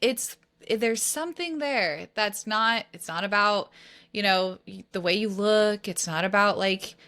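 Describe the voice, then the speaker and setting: Podcast co-host, woman in her thirties, bright tone, enthusiastic and full of "like". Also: medium pitch, unhurried. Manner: enthusiastic, lots of "like" and restarts. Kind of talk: casual chat.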